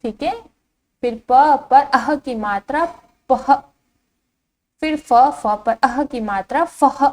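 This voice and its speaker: A woman teacher giving a patient lesson to young children, saying each syllable clearly and asking the class to repeat it. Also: high voice, takes it slowly, long pauses, darkish tone. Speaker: primary school teacher. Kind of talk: slow online Hindi lesson for young children.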